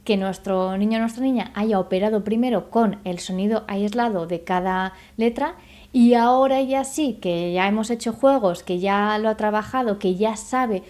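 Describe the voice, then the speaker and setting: A woman speech therapist giving an online lesson, explaining patiently, sounding out syllables slowly and checking in with the viewer. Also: mid-range voice, a little mellow. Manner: addresses the viewer directly with checking questions. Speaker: speech therapist teaching a course.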